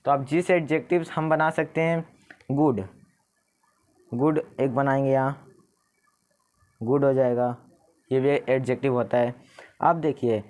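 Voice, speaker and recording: A young man teaching an exam paper, explaining each answer step by step and reading the sentences slowly. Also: on the high side, a little mellow. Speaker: English tutor. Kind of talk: exam paper walkthrough lesson.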